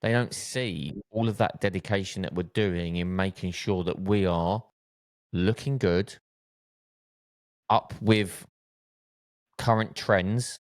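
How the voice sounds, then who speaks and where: A man co-hosting a podcast in casual chat, with a very deep voice. He speaks earnestly and drives his points home by repeating them. The sound is close and dry, with no room echo. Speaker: podcast co-host.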